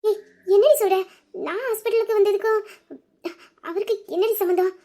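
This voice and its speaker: A woman voicing a young woman recovering from a fever, who talks softly and hesitantly in an audio drama. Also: extremely high pitch, steady tone, a little fast. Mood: puzzled. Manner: soft, hesitant, wondering.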